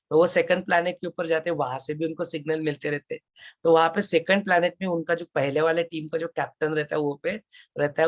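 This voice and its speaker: A man retells a film's story for a study group, his voice sitting a little high and wandering between Hindi and English with frequent fillers and restarts. The recording sounds dull and lo-fi. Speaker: spiritual study group speaker. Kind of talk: explaining a film's plot to a discussion group.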